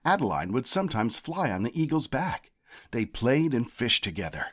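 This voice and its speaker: A man reads a children's picture book aloud from a script. He speaks deliberately and expressively, letting his pitch roam as the story unfolds.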